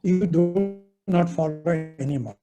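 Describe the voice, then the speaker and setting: A man's voice: a little high, over loud music. Older man on a breaking-up call line. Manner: earnest, repeats points slowly. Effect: unstable online connection, voice breaking up. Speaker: session participant on a video call. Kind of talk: telling an anecdote as advice.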